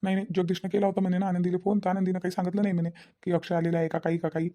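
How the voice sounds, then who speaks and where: A man's voice: high-pitched, flat delivery, very fast, warm tone, close to an everyday voice. An actor voicing a stern village father-in-law. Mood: lecturing. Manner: lecturing, reproachful. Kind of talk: cartoon voice acting.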